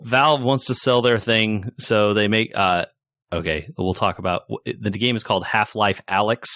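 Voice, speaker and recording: A man co-hosting a podcast, chatting casually about gaming news in a relaxed, rambling way. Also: on the low side, moderate pace, dry recording, studio quality. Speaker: podcast co-host.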